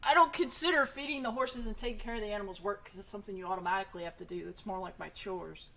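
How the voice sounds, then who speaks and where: Bright-voiced woman, teasing and laughing. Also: mid-range voice, racing, gravelly. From Massachusetts. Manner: laughing, teasing, swears freely. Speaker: streamer. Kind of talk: casual chat.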